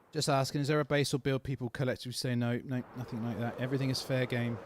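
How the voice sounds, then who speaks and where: A man's voice: medium pitch, little pitch movement, a little fast, background noise. A man with a London accent chatting casually on a gaming livestream, answering viewer questions in a laid-back way. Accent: London English. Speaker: gaming streamer.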